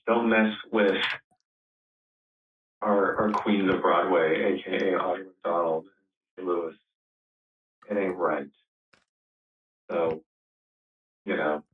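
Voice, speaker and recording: A man talks slowly in a very low voice on a phone voicemail. The line is tinny and narrow, and he sounds a little off the mic in a roomy space. His tone is casual and blunt, with dry, sarcastic asides. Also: recorded from a distance. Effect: voicemail over a phone line. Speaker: voicemail caller. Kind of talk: casual chat.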